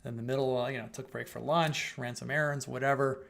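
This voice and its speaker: The host of a live trading room, a middle-aged man, answers questions from viewers while rambling casually, restarting sentences and using fillers. He talks quickly in a steady, medium-pitched voice that is creaky and a bit bright. His voice is fading somewhat, and he clears his throat.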